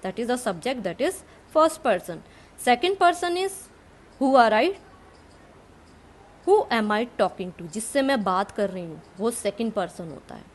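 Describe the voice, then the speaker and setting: A woman's voice: on the high side, big pitch swings, very fast. A woman teacher with an Indian English accent, explaining grammar to students in English and Hindi and repeating the key terms.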